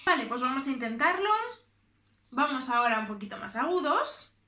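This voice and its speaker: Bright-voiced choir coach in an echoey room. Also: female voice, high-pitched, animated, moderate pace, slight background noise. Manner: demonstrates sung vocalises and animal sounds between explanations. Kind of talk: online singing lesson with vocal exercises.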